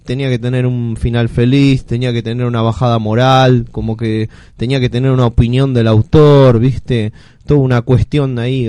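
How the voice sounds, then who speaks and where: A man with a Rioplatense Argentine accent giving a casual radio column on literature, relaxed and rambling. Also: mid-range voice, dry recording. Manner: relaxed, rambling with fillers and restarts.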